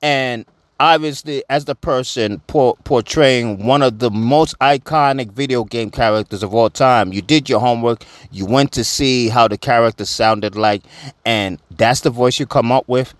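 A man giving casual opinion commentary, slangy, animated and repeating himself. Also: medium pitch, normal speed, no room sound. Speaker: vlogger.

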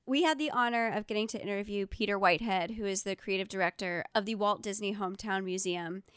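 A woman's voice: mid-range voice, quick pace, fairly bright tone, smooth, no room sound. Woman, podcast host, clean resonant tone, dry sound, casual, gushing enthusiasm.

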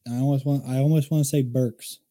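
A man's voice: mid-range voice, steady tone, fast talker, dark tone. A man co-hosting a casual sports chat, rambling and opinionated, restarting his sentences often. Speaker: podcast co-host.

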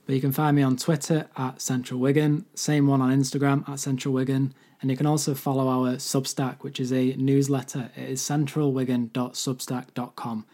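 A man with a hoarse, mostly lost voice hosting a solo football podcast, giving earnest fan opinions. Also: medium pitch, level tone, normal speed, hardly any pauses, mellow. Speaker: podcast host.

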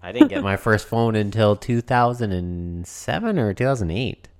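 A man's voice: fairly low pitch, normal speed. A man co-hosting a podcast, swearing often and joking in casual chat. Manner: profane, joking, animated. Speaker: podcast co-host.

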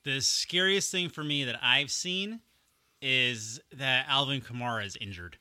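A man's voice: mid-range voice, a little slow, sharp tone. A man co-hosting a podcast in a small studio, chatting casually and laughing easily. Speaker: podcast co-host. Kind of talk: casual chat.

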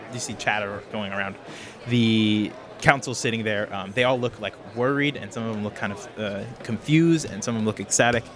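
A man acting as game master, narrating a tabletop game in a hesitant way full of fillers. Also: fairly low pitch. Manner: hesitant, many fillers, laughs often.

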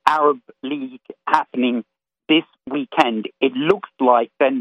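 A man calling in to a radio talk show, giving a rapid, detailed briefing on world affairs. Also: on the high side, dry recording. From Florida. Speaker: caller. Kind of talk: call-in radio commentary. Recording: tinny phone line.

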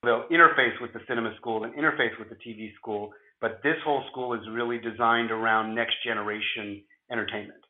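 A man with a gravelly voice, hoarse from flu, explaining things conversationally as an interview guest in measured phrases. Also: medium pitch, steady tone, reverberant, phone-quality sound. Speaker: interview guest, futurist at a film studio.

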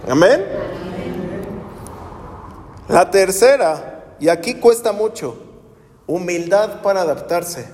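A man's voice: high-pitched, expressive, slow pace, pauses often, darkish tone, reverberant, big-room sound. A man preaching a sermon as pastor, talking conversationally with rhetorical questions.

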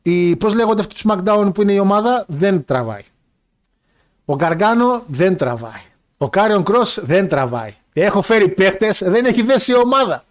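Young man, slightly high pitch, casual banter, jokey, rambling. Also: sing-song. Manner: joking, laughing, rambling. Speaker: podcast co-host reading listener messages. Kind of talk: casual banter about wrestling and football.

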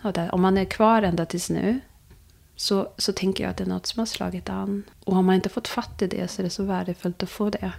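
A young adult woman speaking softly and reflectively as a podcast guest, sometimes dropping to a hush. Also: mid-range voice, steady tone, gravelly. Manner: soft, searching, drifts into hushed whispers. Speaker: guest, vocal coach and therapist. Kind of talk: reflective conversation.

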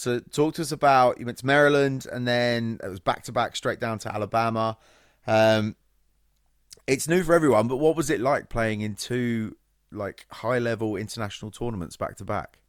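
A man's voice: mid-range voice, no echo, studio quality. A man hosting a casual conversational interview, phrasing his questions informally and a little hesitantly. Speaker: interviewer, podcast host.

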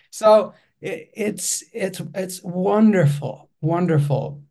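Greek guy in his 40s, gravelly mellow voice, keeps restarting his sentences, interview guest. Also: high-pitched, very slow. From Greece. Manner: hesitant, many restarts and fillers. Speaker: filmmaker guest.

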